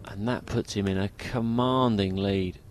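A man's voice: on the low side, fairly even intonation, measured pace. A man giving golf commentary, analysing each shot of a tournament.

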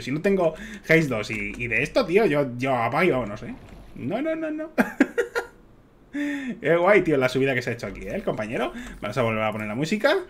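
Excitable streamer with lively pitch. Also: male voice. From Spain. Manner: excitable, swears often, laughs a lot. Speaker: Minecraft streamer. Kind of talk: casual gameplay stream commentary. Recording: music playing faintly behind.

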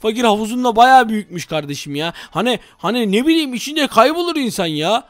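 Young man, game host, excitable, teasing, high voice, rapid talk, dry close sound. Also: no room sound. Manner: excitable, teasing, constantly addressing viewers. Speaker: gaming channel host. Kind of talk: role-play gameplay commentary.

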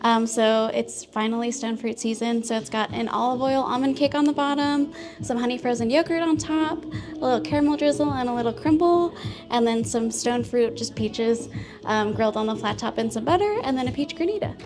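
Friendly woman chef, slightly high voice. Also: brisk, faint music behind. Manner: friendly, explains dishes step by step. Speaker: guest, chef. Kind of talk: casual interview.

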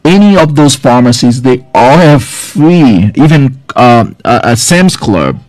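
A Haitian man in his forties, a health care provider, gives casual, direct advice to viewers on a live stream from a small office. His mid-range voice has lively intonation, a measured pace and a darkish tone, and he sounds earnest, uses loose filler words, and speaks into a studio mic on a boom arm with a close-up front camera. The low-quality recording has no room sound.

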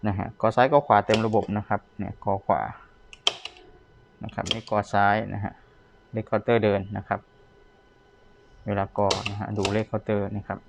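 A man with a fairly low voice talks politely as a seller in a casual product demonstration. There is faint noise behind him. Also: little pitch movement, normal speed, creaky, pauses often. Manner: polite, ends most phrases with courtesy particles. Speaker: seller demonstrating secondhand audio equipment.

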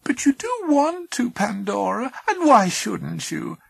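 A tiny creature locked in a chest, its voice high and purring. It stretches every word slowly, coaxing and sweet with a slightly husky edge. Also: male voice, sing-song, a bit bright, dry recording, exaggerated voice. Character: small purring wheedling creature trapped in a chest.

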